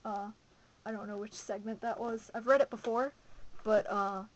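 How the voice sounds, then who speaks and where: Chatting into the camera mic for her home video blog, this young woman from Massachusetts rambles and gushes with excitement. She speaks at normal speed in a steady, mid-range voice, though the audio is poor.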